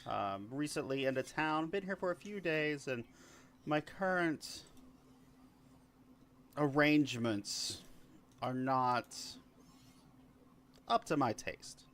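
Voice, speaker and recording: A man voicing an eager young bard who stammers and repeats himself while pitching his talents. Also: expressive, takes it slowly, pauses often, fairly bright tone, a little hiss or hum, full character voice. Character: eager young male bard, fast-talking self-promoter.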